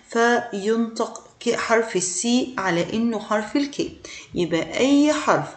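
A patient woman with an Egyptian Arabic accent gives a beginner English lesson and repeats every example word slowly. Her voice sits a little high. The room around her sounds echoey. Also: darkish tone. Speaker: English teacher.

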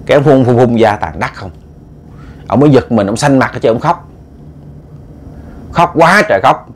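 A man's voice: medium pitch, lively intonation, moderate pace, a little hiss or hum. A man with a Southern Vietnamese accent telling a ghost story in a loose, conversational way, often repeating words as he goes. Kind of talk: late-night ghost story narration.

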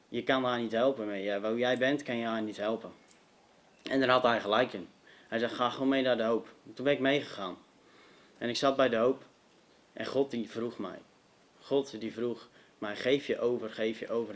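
Young man, earnest testimony, emphatic, talks straight to the audience. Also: mid-range voice. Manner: earnest, emphatic, direct address to listeners. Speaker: youth testimony speaker. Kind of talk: personal testimony to a youth meeting.

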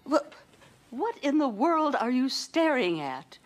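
Fussy old nun. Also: female voice, sits high, very animated, soft background music, full character voice. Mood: scolding. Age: older. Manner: complaining, scolding, slow. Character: cranky elderly nun, demanding and fussy. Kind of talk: film drama acting.

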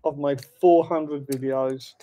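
A man's voice: fairly high pitch, fairly even intonation, slow pace, muffled recording. A man chatting casually as co-host of a van-life livestream, teasing and dry, inside a camper van.

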